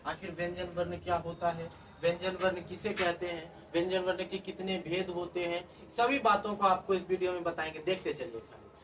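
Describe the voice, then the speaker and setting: High-voiced teacher drilling questions. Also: male voice, fairly even intonation, moderate pace, few pauses, a bit bright. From Bihar, India. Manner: repeats questions and answers in a drilling call-and-response way. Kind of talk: classroom-style grammar lesson. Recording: distant mic with faint background noise.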